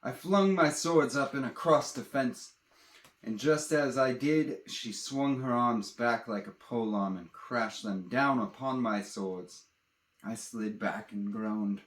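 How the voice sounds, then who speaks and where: Speaking slowly in a medium-pitched voice, a man dramatically tells a fantasy adventure story he wrote himself, turning to his listeners as he goes. Roomy echo fills the recording.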